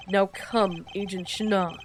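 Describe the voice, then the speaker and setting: A woman's voice: medium pitch, fairly even intonation, unhurried, lightly acted. A woman voicing a composed, formal male lawyer who presses his case in a video game.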